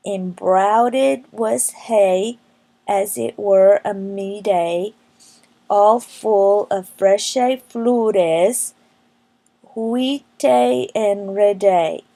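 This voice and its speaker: Woman, mellow and creaky, for very slow, halting recitation of Middle English verse. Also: medium pitch. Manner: halting, careful word-by-word delivery with stumbles.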